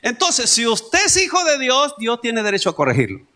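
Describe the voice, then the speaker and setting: A man's voice: extremely high pitch, huge pitch swings, normal speed, bright, forceful tone. A male pastor with a Salvadoran Spanish accent, preaching a sermon in a conversational way with homely stories and asides. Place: church.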